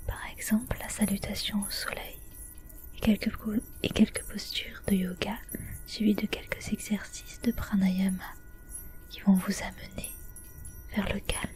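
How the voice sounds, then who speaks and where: A woman speaks in a soft ASMR whisper, breathy and hushed throughout. Her delivery is measured and instructional, laid out in short phrases with little melodic movement. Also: medium pitch, level tone, soft background music. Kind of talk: whispered ASMR guided wellness advice.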